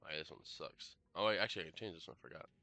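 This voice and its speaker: A man gives casual live commentary while streaming a game, rambling and hesitating with plenty of fillers and self-corrections, and occasionally coughing or clearing his throat. His voice sits low and sounds sharp, he talks very fast, and there's no room sound.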